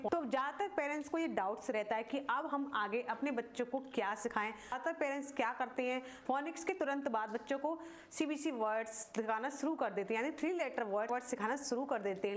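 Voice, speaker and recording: High-voiced woman teaching phonics. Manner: slow, drawn-out letter sounds, explaining patiently step by step. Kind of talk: phonics lesson for parents.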